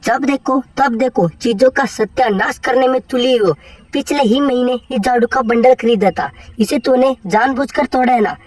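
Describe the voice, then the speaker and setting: A woman's voice: on the high side, moderate pace, darkish tone, distant mic, lightly acted. A woman voicing a cruel, berating middle-aged mother in a cartoon story. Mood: scolding. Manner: harsh, berating.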